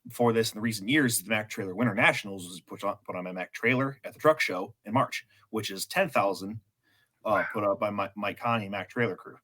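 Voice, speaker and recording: A man co-hosting a podcast, explaining at length with halting restarts. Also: fairly low pitch, fairly bright tone. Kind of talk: casual chat.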